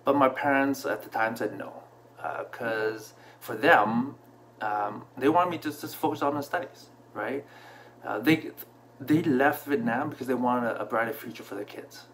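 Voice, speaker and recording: A man in his thirties who grew up in Canada, telling a personal story to camera from a small room at home, relaxed and reflective, with many fillers. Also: medium pitch, moderate pace, a little hiss or hum. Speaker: vlogger. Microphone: camera in front at desk distance.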